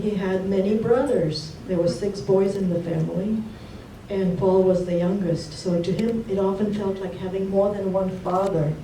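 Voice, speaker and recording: Mellow-voiced woman giving a eulogy in an echoey hall. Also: mid-range voice. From Russia. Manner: heartfelt, halting, with pauses. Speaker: eulogy speaker. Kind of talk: memorial tribute speech. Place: memorial gathering hall. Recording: roomy hall from far off, faint noise.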